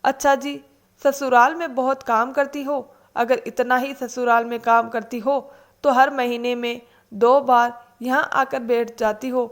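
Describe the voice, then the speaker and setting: A woman voicing a sharp-tongued young daughter-in-law who retorts sarcastically. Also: on the high side, level tone, unhurried, lightly acted. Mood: sarcastic.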